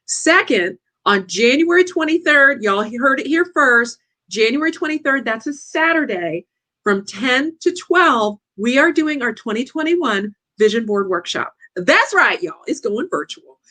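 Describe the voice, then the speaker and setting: A woman hosting a lively coaching livestream, chatty and excitable, talking straight to her audience. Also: on the high side, measured pace.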